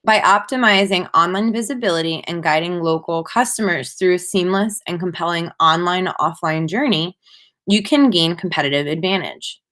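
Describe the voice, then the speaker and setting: Speaking at a conference, a woman presents prepared marketing material in a measured way that sounds scripted, punctuated by emphatic phrasing. Her voice is fairly low with a fairly bright tone.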